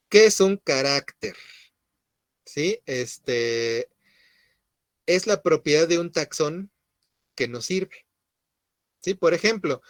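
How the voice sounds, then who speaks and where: A middle-aged man lectures a class, laying out definitions patiently and pausing often to check that his students follow. His voice sits at an ordinary pitch for a man. The sound is dry, with no room echo. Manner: explanatory, checks in with frequent "¿sí?". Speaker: university lecturer.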